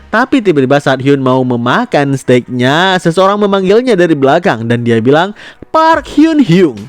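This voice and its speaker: A man narrating a comic recap in a chatty, slangy way with filler pauses. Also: a little high, lively intonation, no room sound, faint music behind. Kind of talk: casual story recap narration.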